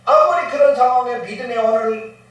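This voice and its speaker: Male pastor, high voice, chatty sermon full of rhetorical questions, heavy church echo. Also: a little fast, a bit bright. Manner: keeps asking the congregation rhetorical questions. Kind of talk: conversational sermon. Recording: very echoey church room.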